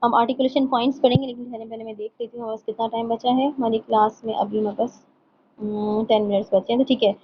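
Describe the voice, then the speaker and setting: Higher-voiced woman teaching a class. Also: fairly even intonation, highs cut off, a little hiss or hum. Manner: explains in Urdu, reads English points slowly from slides; checks in often with "theek hai". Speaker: tajweed teacher. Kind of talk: online class lesson.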